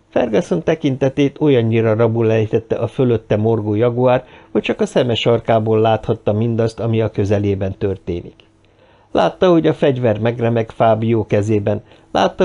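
A man reading an adventure novel aloud as narrator, in a steady, measured storytelling manner. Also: medium pitch, creaky, highs cut off. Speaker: audiobook narrator. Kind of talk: scripted narration.

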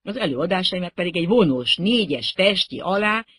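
A reader voicing a flustered, pompous older male general who is quick to sound indignant and exasperated, with a husky tone. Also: mid-range voice, expressive, fairly bright tone, no room sound, pitched above the performer's own voice. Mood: despairing.

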